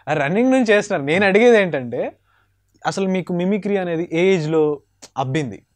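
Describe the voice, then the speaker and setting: A man's voice: high voice, expressive, a little fast. A man hosting an interview, echoing the guest's answers and mixing English words into his questions. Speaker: show host.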